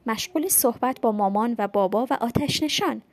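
A woman's voice: on the high side, natural voice. A woman voicing a small child who whispers terse replies into a phone, in a whispered role-play for a storybook tale. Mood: hushed. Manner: hushed, very quiet, terse replies.

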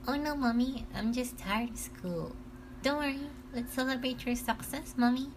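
A woman's voice: on the high side, moderate pace, lightly acted. A woman voicing a young schoolgirl daughter, sweet and eager to please, in an amateur audio drama with noticeable background noise.

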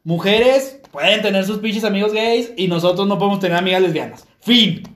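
A Mexican man co-hosting a podcast, chatting casually with crude, teasing humor and animated storytelling. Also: high-pitched, fairly quick, echoey room, a little hiss or hum. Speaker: podcast co-host. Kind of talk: casual joking chat.

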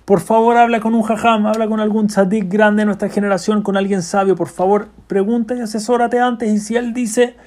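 A man retelling the words of a kind yeshiva director who coaxes and pleads, insisting gently. The voice sits high and stays mellow. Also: little pitch movement, a little fast, few pauses, close to an everyday voice. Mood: coaxing.

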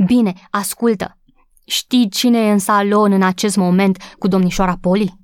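A woman voicing an excitable young housemaid who is gossipy, breathless and quick to take offense, in an audiobook reading. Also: medium pitch, smooth, no echo, studio quality, close to an everyday voice. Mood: excited. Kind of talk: audiobook character voice.

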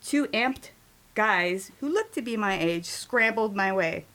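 A woman's voice: mid-range voice, animated, slow, fairly bright tone. A woman in her fifties reading her own memoir aloud at a writing workshop, telling it expressively with dramatic emphasis.

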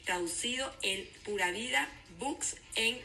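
A woman, a certified communication coach, giving a calm, instructive podcast talk and repeating her key steps. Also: fairly high pitch, a little slow, creaky, rough recording. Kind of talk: podcast self-help talk.

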